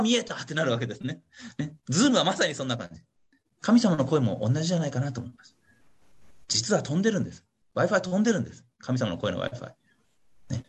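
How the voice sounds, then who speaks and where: A man's voice: high voice, a bit bright, slightly rough. A man pastor giving a casual teaching sermon online, chatty and playful, tagging his sentences with little questions to the listeners. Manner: chatty, keeps adding a questioning "ne" tag; playful, acts out little voices for examples. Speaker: pastor leading a Bible study. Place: online meeting with a congregation.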